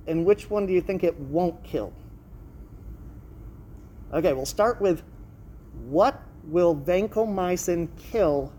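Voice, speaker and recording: A woman teaching a college class speaks through a face mask that muffles her low, dark voice as she explains material and questions students on their understanding. Classroom noise fills the live recording.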